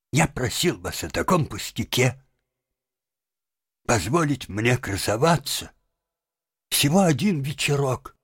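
Man doing a high, wailing, self-pitying toad for a storybook reading. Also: husky, no room sound, clean studio sound, full character voice. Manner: whiny, pleading, melodramatic. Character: boastful vain male toad, pleading and theatrical. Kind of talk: audiobook character voice.

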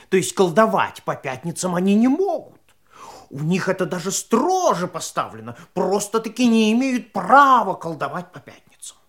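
A woman playing a talking raven, a fussy, wise companion who tells the story expressively in an audio drama. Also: fairly low pitch. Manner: expressive, chatty, admonishing.

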